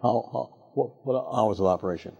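Man, TV talk show host, short questions, dark husky voice. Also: fairly low pitch, moderate pace, highs cut off. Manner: brief questions and frequent affirmations. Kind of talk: TV interview.

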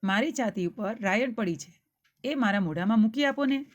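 A woman's voice: on the high side, lively intonation, moderate pace, lightly acted. A woman doing a lazy village lad, whiny. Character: very lazy young village lad, sprawled under a tree.

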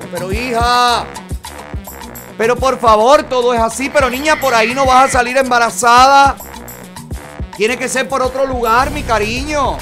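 A man hosting a gossip show, reading private chats aloud and commenting on them in a flamboyant, theatrical way full of exclamations. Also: very high-pitched. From Cuba.

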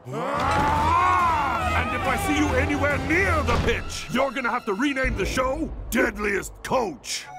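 Blustering, high-pitched cartoon soccer coach. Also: male voice, a little slow, a loud crowd. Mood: furious. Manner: blustering, scolding. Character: explosive, exasperated male soccer coach. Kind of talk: cartoon voice acting. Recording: music behind.

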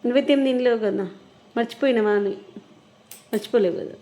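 Fast-talking, high-pitched woman. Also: dark tone, low-quality recording. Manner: explanatory, conversational. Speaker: vlogger and mother. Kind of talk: casual chat to viewers.

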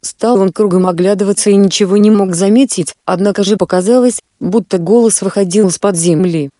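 A woman narrating a fairy tale in a steady, measured reading style. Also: medium pitch, no echo, clean studio sound.

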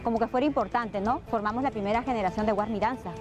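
A woman's voice: a little high, fast talker, over music. A woman scissors dancer speaking earnestly and from the heart in an interview, recorded outdoors in a park. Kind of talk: interview testimony.

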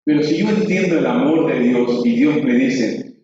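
A man's voice: mid-range voice, moderate pace, warm tone, slight background noise. Man preaching, distant mic, echoey church hall, dull sound. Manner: conversational, acts out children's voices. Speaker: Sunday school preacher. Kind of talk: church teaching.

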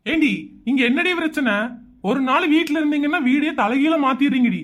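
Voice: high-pitched, a little fast, fairly bright tone. A performer voicing an easygoing father in a cartoon family comedy who grumbles and brushes off the fuss. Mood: grumbling. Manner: grumbling, dismissive.

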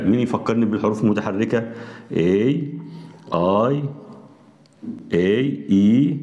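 A man's voice: low-pitched, a little mellow. Egyptian man teaching grammar in an echoey room. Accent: Egyptian Arabic. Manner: asks quiz questions and answers them himself; spells out English words slowly. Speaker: English teacher. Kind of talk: grammar lesson.

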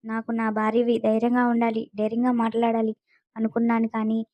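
A woman's voice: a little high, monotone, fast, warm tone, no room sound, natural voice. A woman voicing a domineering, hot-tempered young husband in a storybook romance. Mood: stern.

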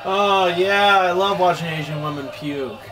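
A man's voice: sits high, a little slow, crowd noise. A man giving casual, sarcastic commentary while playing and reviewing a console game at home. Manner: sarcastic, mocking. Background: game music.

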